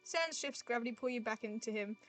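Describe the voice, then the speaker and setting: A woman streamer with a fairly high voice reads a dating game aloud and reacts with gushing, excitable outbursts. She flips between narrating and squealing, with faint music under her voice. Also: a little fast. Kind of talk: live game playthrough with reading aloud.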